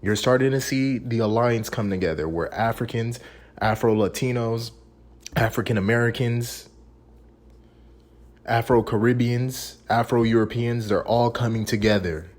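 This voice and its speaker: A man's voice: mid-range voice, a little slow, darkish tone. A man hosting his own video, giving casual, emphatic commentary and repeating his key phrases. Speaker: video host.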